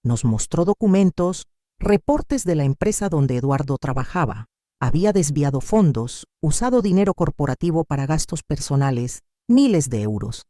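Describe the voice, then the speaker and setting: An older woman narrating a dramatic first-person story in an expressive way. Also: low voice, moderate pace, no echo, studio quality.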